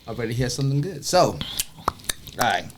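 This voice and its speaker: A man's voice: medium pitch, big pitch swings, fairly quick, slight background noise. A man hosting a podcast, joking, cursing and laughing easily with his co-hosts. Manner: joking, profane, laughs often. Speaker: podcast host. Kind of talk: casual podcast banter.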